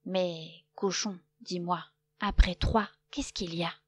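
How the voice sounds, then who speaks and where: A woman voicing a grumpy young male wolf who gets vexed and shouts, in a children's storybook reading. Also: fairly low pitch, steady tone, takes it slowly, slightly rough. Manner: huffy, easily vexed, shouting when mocked.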